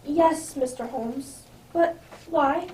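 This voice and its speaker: A woman's voice: high voice, slow, darkish tone. A woman playing a blunt, eager male police inspector in an amateur radio drama. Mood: eager, puzzled. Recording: echoey room, distant microphone, background noise.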